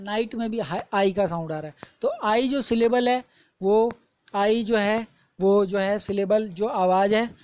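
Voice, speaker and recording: Woman, teacher, patient explainer, repeats herself, slow deliberate readings, dry close sound. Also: medium pitch, a little mellow, no echo, poor audio. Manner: repetitive, reads examples slowly and deliberately. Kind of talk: explanatory lesson.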